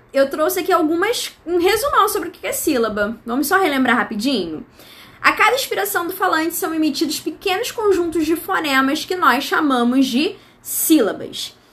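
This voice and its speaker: Brazilian woman, teacher, high voice, chatty grammar lesson. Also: fairly bright tone. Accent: Brazilian Portuguese. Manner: chatty, explains with asides and rhetorical student questions.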